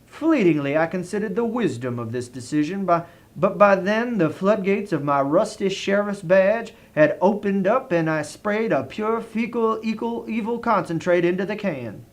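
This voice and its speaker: A man's voice: high voice, animated, normal speed, few pauses. A man with a Southern US accent reads a comic written review as a dramatic story, in a theatrical, genteel manner.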